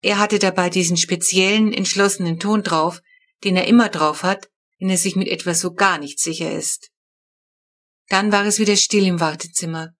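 A woman narrating a children's book with lively, expressive storytelling. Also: on the low side, moderate pace. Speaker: audiobook narrator.

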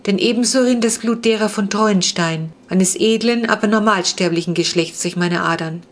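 A woman's voice: medium pitch, moderate pace, close to an everyday voice. A woman reading a storybook, voicing a polite half-vampire boy of noble blood who speaks in formal, courtly, old-fashioned phrases. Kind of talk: audiobook reading.

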